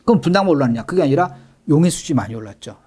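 A middle-aged man talks fast and emphatically, leaning hard on the key words as he explains. His voice is mellow and a little higher than most men's. He sounds like an expert guest walking an interviewer through his points. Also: expressive, husky. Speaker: real estate expert guest.

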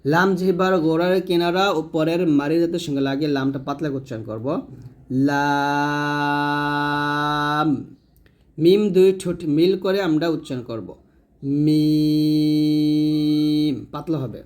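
Male teacher, fairly high voice, patient step-by-step pronunciation lesson, models each sound aloud. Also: a little mellow. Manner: explains slowly, models each letter sound, repeats it. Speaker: Quran recitation teacher.

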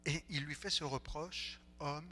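A man preaching a sermon as pastor, speaking in an animated way and acting out the voices of the people in the story. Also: fairly high pitch, measured pace. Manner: animated, acts out the disciples' voices. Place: church. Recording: echoey church hall, faint hum.

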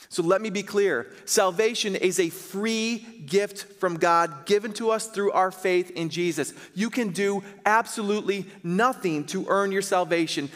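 A man in his thirties, a pastor preaching on a church stage, earnest and emphatic, slowing to stress key phrases. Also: fairly high pitch, a bit bright. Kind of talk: sermon. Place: large church stage, indoors. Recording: reverberant church hall.

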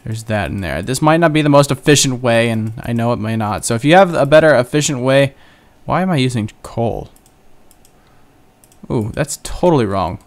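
In casual Let's Play commentary, a young gaming channel host narrates his computer game, rambling, chatty, and ready to laugh at himself. He speaks at a moderate pace in a mid-range voice with lively intonation.

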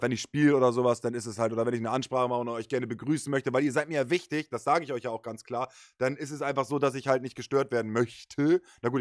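A man streaming games live, chatting casually with viewers in a slangy, excitable way and a slightly hoarse voice. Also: mid-range voice, no room sound, studio quality. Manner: slangy, excitable, prone to loud outbursts. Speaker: Twitch streamer. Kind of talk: casual live-stream chat over gameplay.

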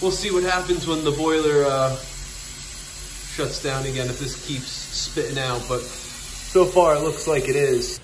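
Filmed on a handheld phone at arm's length, this HVAC technician in his thirties talks casually about his work, half muttering to himself, often in tight boiler basements. He speaks a little slowly in a slightly high voice. The audio is poor, with a little hiss or hum.

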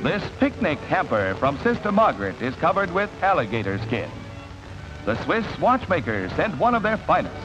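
Lively old newsreel announcer, man. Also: on the high side. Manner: brisk, upbeat announcer delivery. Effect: old newsreel sound. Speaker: newsreel narrator. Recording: dull lo-fi 1940s newsreel with music.

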